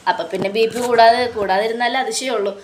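Kiran, a young man who taunts his old enemy with sarcasm and cold accusations, read by a woman in a fairly high voice. His tone stays biting and scornful. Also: fairly even intonation, quick pace, slight background noise, natural voice. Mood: mocking. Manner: mocking, accusing. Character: young man, vengeful and sarcastic toward villain.

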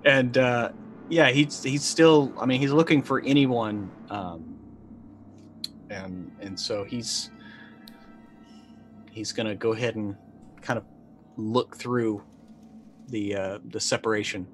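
A middle-aged man is playing a role-playing game, casually thinking aloud as he decides what his character does in this improvised play. His medium-pitched voice stays fairly even, moving slowly with long pauses. Faint music plays in the background.

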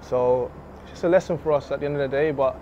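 A young man, a footballer giving a relaxed, candid post-match interview into a handheld mic in an empty stadium. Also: medium pitch, fast talker. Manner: relaxed, candid, laughs easily. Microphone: handheld reporter mic. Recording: slightly dull outdoor audio with faint noise.

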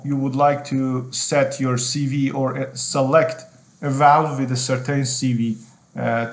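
Middle-aged guy walking through a screen-share tutorial, lots of ums, restarts phrases, steady mid voice. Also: medium pitch. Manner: unscripted explaining with frequent ums and repeated phrases. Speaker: HVAC design instructor. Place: indoor room.

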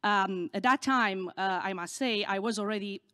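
A middle-aged woman whose native language is Romanian tells a candid, earnest personal story from a conference stage, speaking into a podium microphone with a slight halting quality. Her voice is medium in pitch and sharp in tone, captured in studio quality with no echo.

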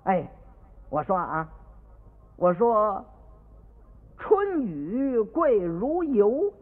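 Sly schoolboy done by a man, soft slow innocent replies, tinny old radio, echoey. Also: sits high, big pitch swings, exaggerated voice. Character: cheeky clever schoolboy poet, sly and mild. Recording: tinny old radio recording with long reverb.

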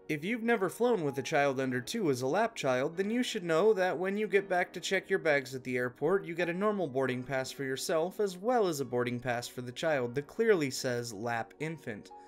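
Male story narrator, fairly high voice, steady reading, faint background music. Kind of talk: scripted narration of an online post.

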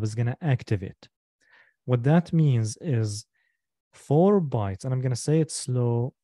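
A man teaches a class step by step in a very dark, mellow voice. He is patient, often goes back over a point, and stops to ask whether everyone is following. The sound is close and dry. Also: medium pitch, dry recording. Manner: patient, repeats and slows down to explain step by step; asks the class for checks and questions. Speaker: instructor. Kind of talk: live online lecture.

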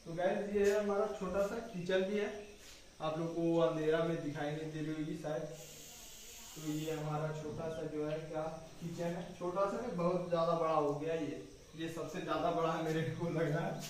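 Fairly high-pitched and flat at normal speed, a young adult man walks through his small concrete house and up to the rooftop, casually talking to the sister who is filming him. The camera is held a few steps away, giving distant, echoey sound from the bare rooms plus a little hiss or hum.

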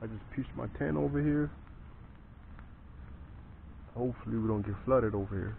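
A man on a pilgrimage walk, vlogging casually outdoors and in his tent, relaxed and prayerful, often tacking "man" onto his sentences. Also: mid-range voice, normal speed, gravelly. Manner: laid-back, prayerful, says "man" a lot. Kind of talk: casual walking vlog. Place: outdoors, walking roads and camping in a tent. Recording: tinny lo-fi camera audio with faint outdoor noise.

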